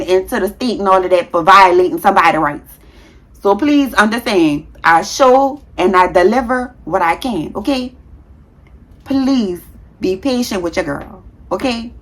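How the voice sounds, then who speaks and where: A woman in her thirties, a nurse, chatting casually to her viewers in a vlog, talking fast with a heavy tongue and sometimes tripping over words. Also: medium pitch, a bit bright. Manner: frank, slangy, addresses viewers as y'all. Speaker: nurse and content creator.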